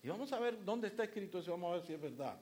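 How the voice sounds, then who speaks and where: A man preaching a sermon in a lively storytelling way, with sudden shouts for emphasis. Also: high voice, rapid-fire. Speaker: pastor.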